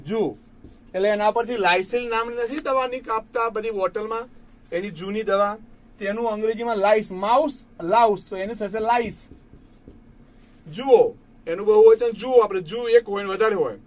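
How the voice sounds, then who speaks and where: High-voiced man teaching a patient lesson. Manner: patient, repeats each word slowly for students; addresses listeners as friends. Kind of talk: classroom lesson explaining English grammar.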